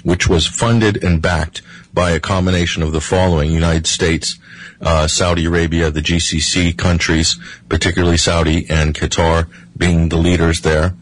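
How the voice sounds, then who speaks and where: A man with a husky voice giving analytical political commentary as an interview guest, emphatically laying out points one by one with halting starts. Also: sits low, level tone, rough recording.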